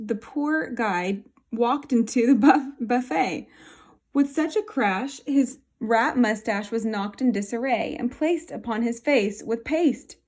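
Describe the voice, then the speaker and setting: A woman reading a rhyming children's picture book aloud with a rhythmic, expressive delivery. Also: a little high.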